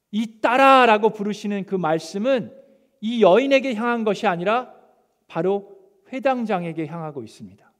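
A male pastor preaching a sermon, animated and acting out the scripture quotes. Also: high-pitched. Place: church sanctuary. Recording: long church hall reverb.

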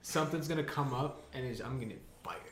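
A man's voice: medium pitch, quick pace. A man in his twenties hosting a casual podcast chat with friends, joking and teasing. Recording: roomy echo, faint noise.

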